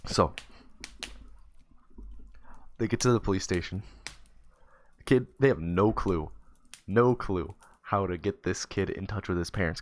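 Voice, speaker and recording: Low-pitched man, casual profane storyteller, faint keyboard clicks under him. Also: slight background noise. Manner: loose, profane, rambling with fillers. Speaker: streamer.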